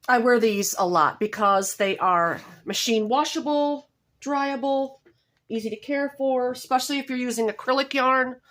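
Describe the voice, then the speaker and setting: A woman with a cold-roughened, slightly hoarse voice that sits a little high and a bit bright leads a relaxed knitting lesson from her home. She goes step by step, sounding cozy and apologetic, frequently pausing to fix what she just said.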